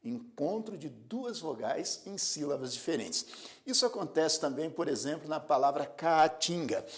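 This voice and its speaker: Lively didactic male grammar teacher. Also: a little high, measured pace. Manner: didactic, spells out words syllable by syllable; addresses students directly with repeated prompts to observe. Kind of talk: recorded video lesson.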